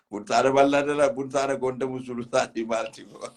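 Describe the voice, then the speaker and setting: A man's voice: mid-range voice, steady tone, moderate pace. A man with a West African accent hosting a casual political live chat, speaking emphatically and repeating his phrases. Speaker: host of a political live stream. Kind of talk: casual political live chat, mixing English with a local language.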